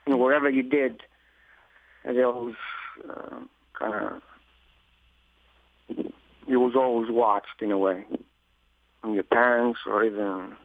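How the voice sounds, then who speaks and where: A middle-aged man from Greece with a Greek accent, a guest speaking in a relaxed, wry way with many fillers. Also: medium pitch, takes it slowly, long pauses, no echo. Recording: tinny phone line.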